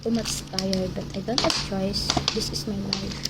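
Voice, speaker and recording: A mother vlogging from a rural mountain home, talking to the camera in a loose, rambling way and joking at her own expense while slipping into English. Her voice sits at an ordinary pitch for a woman. Loud, steady background noise runs under the whole recording. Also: measured pace. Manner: rambling, joking, self-mocking, mixing in English. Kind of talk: casual chat to camera. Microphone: camera facing her.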